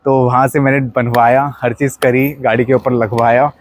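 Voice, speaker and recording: A young man with an Indian accent gives a casual walkaround of his modified car, pointing things out as he goes. His mid-range voice has a level tone and normal speed. He's chatty and mixes Hindi and English.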